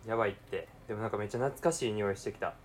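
A young man with a Kansai accent talking casually to himself while cooking, swinging between quiet mumbling and excited outbursts. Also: fairly low pitch, racing, slight background noise. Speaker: podcaster.

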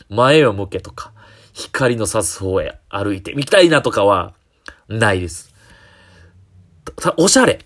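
Man, casual solo talk, lively swings in pitch, lots of fillers. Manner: animated, many fillers, jumps between quick and drawn-out phrasing. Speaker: comedian podcast host.

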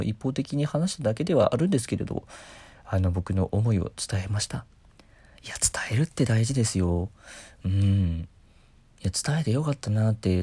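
Chatty young Japanese man, lively swings. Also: mid-range voice, no echo. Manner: chatty, rambling, playful asides. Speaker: podcast host. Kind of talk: casual solo chat.

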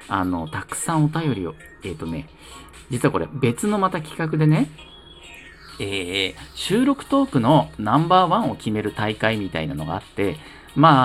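A man from the Kanto region chats alone into the mic as host of his own talk show. His voice sits at a middle pitch but swings up and down a lot, and his tone is playful and self-mocking. Soft music plays quietly behind him. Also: gravelly. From Kanto region of Japan. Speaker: solo podcast host reading listener letters. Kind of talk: casual solo radio talk.

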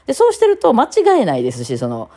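Fast-talking low-voiced woman with Kansai accent. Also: wildly swooping pitch, mellow. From Japan. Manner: chatty, rambling, many fillers and self-corrections. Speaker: podcast host, violinist. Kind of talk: casual solo talk, reading a listener message.

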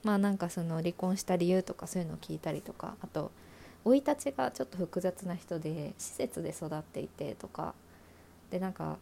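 A woman talks alone in a relaxed, chatty monologue, telling frank stories and pausing on fillers. Her voice is dark and mellow, with a gravelly fry. The delivery stays casual and conversational. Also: fairly low pitch, a little hiss or hum. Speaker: talk show host.

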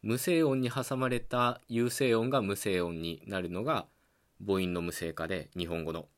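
A man hosting a podcast, explaining language points in a calm, patient, teacherly solo talk, often pausing on a filler between ideas. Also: on the low side. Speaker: podcast host.

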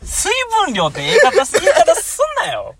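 A young man in his twenties with a Kansai accent, co-hosting a comedy talk show with loud comebacks and frequent laughter. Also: extremely high pitch, huge pitch swings, creaky, a loud crowd. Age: 20s. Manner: loud retorts, quick to laugh. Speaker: comedy podcast co-host. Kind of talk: casual comedic banter. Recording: noticeable background noise with clicks.

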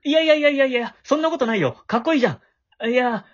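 A man with a very high, expressive voice races through his lines, playing a shy, awkward middle-school boy with a crush in an amateur voice drama. He sounds flustered and eager, prone to stammering. The audio is dull, with no room sound.

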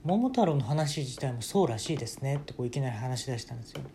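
A man putting on his excited, bawdy middle-aged mother, switching into a stiff, orderly lecturing tone. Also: medium pitch, quick pace, a little hiss or hum, close to an everyday voice. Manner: suddenly formal, orderly lecturing tone.

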